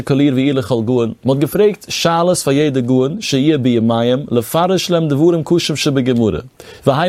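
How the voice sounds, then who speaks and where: A man's voice: mid-range voice, darkish tone, dry recording. A man giving a religious text lecture. He chants quoted passages in a singsong and tells stories between them to explain. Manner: explanatory storytelling between quotations. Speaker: rabbinic lecturer.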